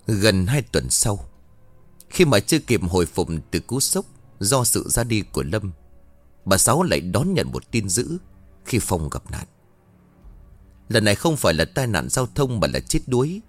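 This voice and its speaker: A man's voice: lowish voice, big pitch swings, normal speed, pauses often, dry recording. A man narrating a scripted horror story in a somber, dramatic way. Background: faint music.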